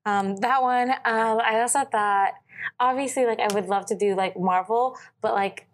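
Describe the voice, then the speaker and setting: A woman's voice: a little high, normal speed. A young adult woman co-hosting a podcast, chatting casually with many fillers and frequent giggles. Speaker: podcast co-host. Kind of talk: casual chat.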